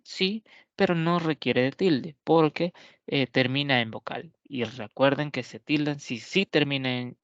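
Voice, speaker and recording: A male teacher with a mid-range voice gives an explanatory grammar lesson, posing rhetorical questions, answering them himself, and pronouncing example words slowly. The recording is dull, lo-fi and dry, with no room sound.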